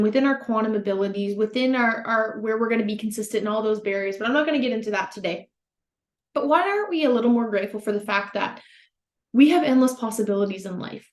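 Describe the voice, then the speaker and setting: A young woman in her twenties hosts a solo motivational podcast from home, her voice sitting a little on the high side. She talks earnestly and brightly, speaking straight to her listeners. The room around her sounds noticeably echoey. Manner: earnest, upbeat, addresses listeners as "you guys". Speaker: podcast host.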